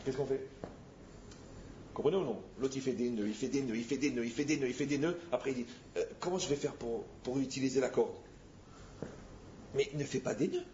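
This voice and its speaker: Animated man teaching in an echoey room. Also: mid-range voice, fast, a little hiss or hum. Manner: animated storyteller, acts out dialogues, direct and teasing. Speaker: rabbi giving a talk. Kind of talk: lively spoken teaching. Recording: echoey muffled room recording.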